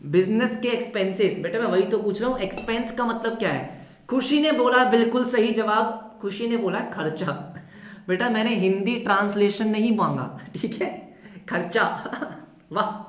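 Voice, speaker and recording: Brief: energetic male accounting teacher, quizzes the class, answers in the students' voice, echoey room. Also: high voice, moderate pace. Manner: mixes English terms into Hindi. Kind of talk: live online class lecture. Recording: roomy echo.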